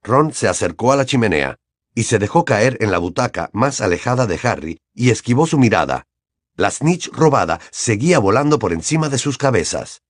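A man narrating an audiobook in an expressive storytelling manner. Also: medium pitch, normal speed, no echo, studio quality. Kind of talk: scripted narration.

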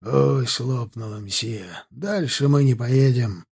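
A man's voice: medium pitch, slow, gravelly, darkish tone, husky, exaggerated voice. A man reading an audiobook, voicing a humble, deferential coachman. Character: humble, grateful male coachman.

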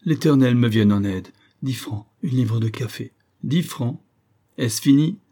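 A man's voice: mid-range voice, unhurried, warm tone, voice pushed up, close to an everyday voice. A man voicing an old miserly merchant who whines and pleads in a plaintive tone. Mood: pleading.

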